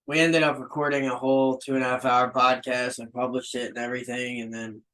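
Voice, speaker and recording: A relaxed young man chatting on a sports podcast. His voice sits a little high, and he keeps things loose and easygoing. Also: poor audio. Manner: laid-back, says dude and man a lot. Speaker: podcast co-host. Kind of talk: casual sports podcast chat.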